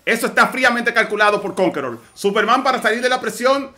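A man calls a fighting game match live as an esports caster, his voice high and bright as he rattles off moves with urgency. He keeps the energy up and speaks straight to his viewers. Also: animated, quick pace.

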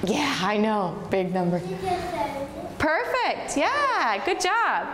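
This woman's voice sits high and swoops wildly in pitch as she speaks slowly, with a crowd audible behind her. She's an American in her twenties teaching English to little kids at a whiteboard, patiently encouraging and frequently praising them. Recorded by a far camera, the room is echoey, with long reverb and noise.

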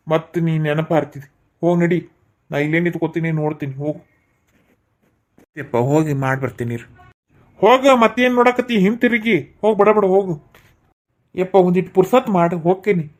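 A man's voice: fairly high pitch, a little mellow. A man with a North Karnataka Kannada accent, voicing a village cartoon with scolding and grumbling farm talk. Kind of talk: cartoon voice acting, village comedy.

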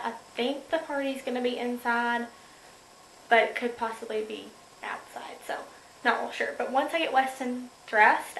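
A woman's voice: a little high, a bit bright, slight background noise. A young woman, chatting casually to her vlog camera. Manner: chatty, filler-heavy, sweet. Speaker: vlogger.

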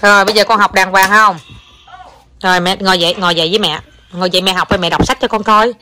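A woman's voice: medium pitch, fairly even intonation, fast, pushed and bright. A mother at home talking to her young child, alternating between teasing and scolding, mixing in English words. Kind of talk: casual home video with child.

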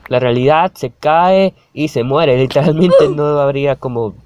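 A man's voice: a little high, a little slow, a little mellow, smooth. Chatty young man reacting, laughing. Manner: chatty, laughs often, exclaims at the screen. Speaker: YouTuber reacting to a video. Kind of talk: casual reaction commentary.

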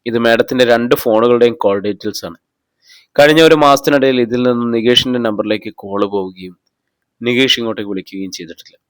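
A man's voice: medium pitch, fast, clear, resonant tone, no echo, close to an everyday voice. A man reading the lines of a blunt police officer laying out evidence. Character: blunt male police officer, assistant investigator.

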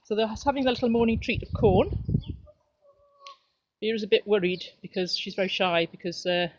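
A middle-aged woman giving a relaxed, cheerful walk-through tour of her back garden and chickens, filmed outdoors on a handheld camera. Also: mid-range voice, a little fast. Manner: chatty, relaxed, cheerful narration while walking. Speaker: home video maker. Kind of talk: casual home video tour. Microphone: handheld camera mic. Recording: dull lo-fi camera audio with noise.

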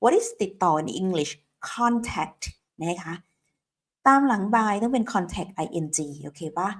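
Female English teacher for an online lesson; slow, drills phrases word by word, quizzes her viewers. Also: mid-range voice, expressive, fairly bright tone. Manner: drills phrases slowly, repeating them word by word; questions viewers and prompts them to repeat aloud.

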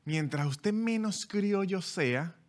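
A man's voice: high-pitched, slow. A Venezuelan man hosting a podcast, chatting casually and jokingly, often restarting his words. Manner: animated, joking, many restarts. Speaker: podcast host. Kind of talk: casual chat.

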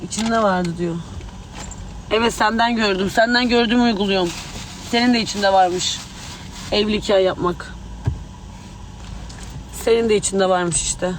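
A man's voice: sits high, fairly even intonation, moderate pace, long pauses, slight background noise, rough recording. A man speaking angrily and agitatedly to tabloid reporters, swearing as he talks. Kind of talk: heated street remarks to the press.

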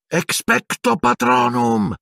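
A man voicing an earnest, shaken teenage boy wizard in an audiobook, pitched well up and urgent. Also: sing-song, moderate pace, husky, no room sound, studio quality, heavily acted. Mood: shouting. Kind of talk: audiobook character voice.

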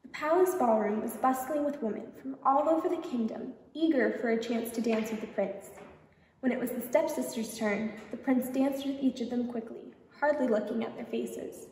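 A woman reading a children's picture book aloud at a library storytime, gently asking the children questions. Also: on the high side, moderate pace, slight background noise. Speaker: storytime reader. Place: library event room. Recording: echoey hall, distant mic.

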